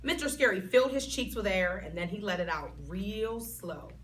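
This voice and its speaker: Woman reading a kids chapter book, super animated, bit off mic. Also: medium pitch, normal speed. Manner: expressive, child-like narration. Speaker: storytime reader. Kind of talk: children's book read-aloud. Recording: voice a bit far from mic, faint background noise.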